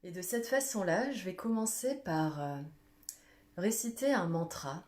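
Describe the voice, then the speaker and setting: A woman leading a guided meditation on a live stream, speaking slowly and gently with frequent hesitations. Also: lowish voice, animated. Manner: slow, gentle, with many hesitations. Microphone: phone or webcam for a social media live.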